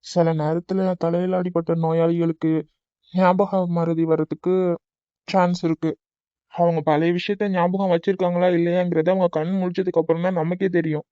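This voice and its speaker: Man voicing a calm cartoon doctor, measured and soothing, muffled dry recording. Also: sits high, smooth, dry recording, lightly acted. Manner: calm, reassuring. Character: calm male hospital doctor. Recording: dull dry recording with faint music.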